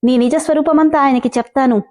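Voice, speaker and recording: A woman's voice: high voice, steady tone, brisk, darkish tone, natural voice. A woman voicing a distressed but defiant young married woman in a storybook reading. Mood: angry. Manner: angry, tearful pleading.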